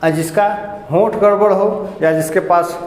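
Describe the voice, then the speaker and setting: A man's voice: high-pitched, steady tone, moderate pace. A man teaching Hindi grammar to a class, explaining step by step and asking and answering his own questions. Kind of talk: classroom lecture. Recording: echoey room with long reverb.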